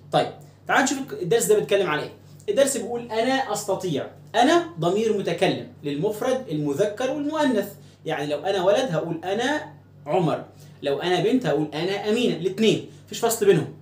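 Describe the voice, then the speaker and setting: A man with an Egyptian Arabic accent teaches a grammar lesson at a brisk pace, stretching out each example word. He keeps asking questions and answering them himself. The room around him rings with echo. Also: high voice, darkish tone. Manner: drills words slowly, asks and answers his own questions.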